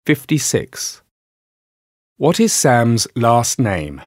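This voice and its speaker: A man reads listening-test questions in a husky, breathy voice. He keeps an unhurried pace, and his pitch rises and falls widely. His delivery is plain and measured. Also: sing-song, no room sound, clean studio sound. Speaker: exam narrator. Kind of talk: scripted test narration.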